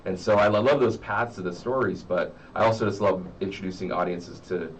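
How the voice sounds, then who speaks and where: A middle-aged American horror story writer, appearing as an interview guest, speaks reflectively in a low voice, pausing and repeating words while he hunts for the next one. The mic sounds muffled and distant, with faint noise.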